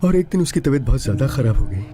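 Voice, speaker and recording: An actor dubs an older, honest policeman who is suspended and a bitter widower, his mid-range, warm, everyday-sounding voice moving quickly with big pitch swings and a little hiss or hum. Grieving and tearful, he speaks mournfully and deferentially, repeating "sir" as his voice breaks.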